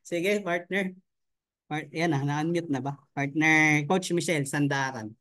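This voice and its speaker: A man's voice: a little high, measured pace, bright, forceful tone. A man hosting a motivational online meeting as a coach, upbeat and preachy, with constant tag questions. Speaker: host and coach.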